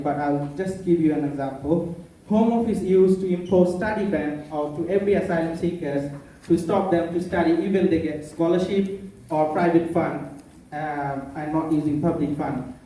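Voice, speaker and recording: A man's voice: fairly high pitch, moderate pace, mellow. Bangladeshi man speaking in an echoey conference room. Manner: earnest, non-native phrasing, playful asides. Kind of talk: public speech. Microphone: far from the mic. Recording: echoey room, mic far off.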